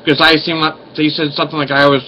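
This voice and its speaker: A man's voice: on the high side, little pitch movement, quick pace, sharp tone, slight background noise. A man, talking with a slight lisp after oral surgery. He rambles apologetically with many fillers and restarts, first as a casual vlog and then on a phone call. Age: 40s. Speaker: vlogger.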